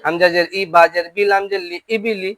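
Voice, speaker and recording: Letters of the Arabic alphabet and their vowel syllables are called out one at a time for students to repeat in this classroom Quran lesson, with a board up front and frequent checks on understanding. The teacher speaks at an ordinary middle pitch, fairly quickly, with a fairly bright tone and fairly even intonation. The recording is dry and close, with little room echo.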